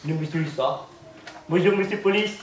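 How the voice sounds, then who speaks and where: A man doing a stand-up comedy routine as a naive, deadpan village simpleton, tagging his lines with "hein". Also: on the high side, normal speed. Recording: roomy, noisy recording from far off.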